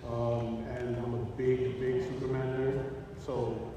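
A man's voice: mid-range voice, level tone, slow pace, muffled recording. A man speaking casually as a panelist, recorded in a large, echoing auditorium. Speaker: panelist, freelance comic artist. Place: auditorium stage at comics expo. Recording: echoing hall, distant, clear background noise.

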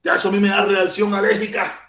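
Hosting an informal political livestream, a man from Cuba chats with commenters in a Cuban accent, repeating himself and using lots of slang and swear words. His voice sits high and fairly bright, with a monotone delivery, a quick pace, and vocal fry. He broadcasts from an echoey, untreated room.

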